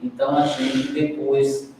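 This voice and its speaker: A Brazilian man with a mid-range voice leads a training session, speaking a little slowly in a completely flat delivery. He keeps questioning the group, prompting answers and often tacking on "né?" in his Brazilian Portuguese accent. The recording, made from a distance in an echoey classroom, carries background noise.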